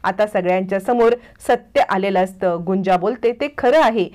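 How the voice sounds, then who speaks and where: A woman narrating a recap of a television serial episode in a brisk storytelling manner. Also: mid-range voice, a little mellow.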